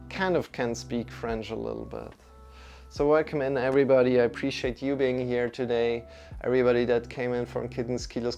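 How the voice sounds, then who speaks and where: Greeting his live-stream yoga viewers in a friendly, easygoing manner, a young man from Switzerland speaks with a Swiss accent and keeps restarting. He has a medium-pitched voice with vocal fry and a somewhat dark quality.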